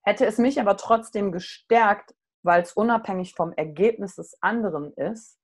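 A middle-aged woman, a coach, telling a personal story in casual conversation, candid and animated. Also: medium pitch, normal speed.

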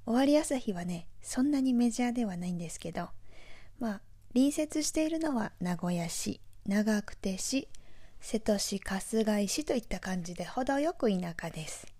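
A woman from Aichi with a Nagoya accent, hosting a podcast in a chatty, relaxed monologue with friendly asides. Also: mid-range voice, unhurried. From Aichi, Japan. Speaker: podcast host.

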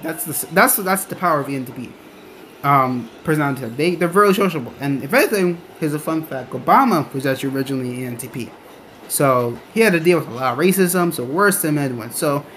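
A young adult rambling through a casual podcast-style rant in a halting, repetitive, emphatic way. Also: medium pitch, fairly bright tone. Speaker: podcaster, online content creator. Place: on board a train. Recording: noisy train ambience behind the voice. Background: train noise.

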